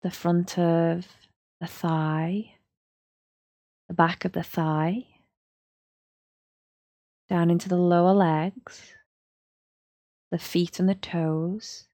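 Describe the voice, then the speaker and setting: A woman guides a yoga relaxation, leading listeners through the body part by part. Her voice is low and mellow and her delivery is slow and unhurried. The sound is dry and close, with no room around it. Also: no room sound. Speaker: yoga teacher.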